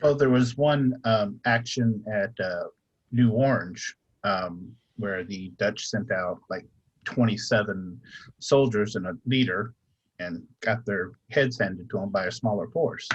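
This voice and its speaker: Husky Southern-accented man, hesitant. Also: fairly low pitch, unhurried, highs cut off. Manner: hesitant, many fillers and restarts. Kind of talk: casual panel discussion.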